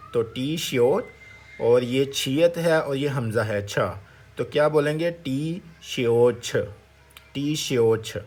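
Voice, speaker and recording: A man teaches in an even, mid-pitched voice. He sounds out each syllable slowly, repeats it, and keeps asking viewers what it becomes. His delivery is patient and methodical. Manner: slow, repetitive syllable-by-syllable drilling with questions to viewers. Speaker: language teacher. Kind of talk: Korean vocabulary lesson in Urdu.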